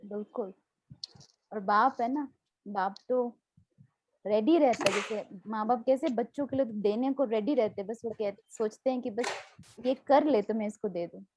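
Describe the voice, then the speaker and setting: A woman's voice: on the high side, moderate pace, a little mellow, a little hiss or hum. Woman teacher giving a devotional class. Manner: explains with homely examples, asks listeners questions. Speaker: spiritual teacher.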